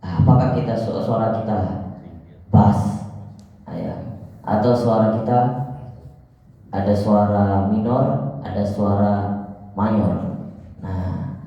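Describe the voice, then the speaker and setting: A man teaching Quran recitation in a mosque, explaining slowly and breaking into melodic chanted examples. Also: fairly low pitch, steady tone, dark tone. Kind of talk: religious lesson with chanted examples. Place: large mosque hall. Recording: dull echoey hall from far off.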